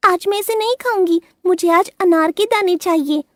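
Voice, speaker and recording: A woman's voice: very high voice, normal speed, no room sound, clean studio sound, voice pushed up. A woman voicing a young daughter bird in a cartoon story, childlike and pleading.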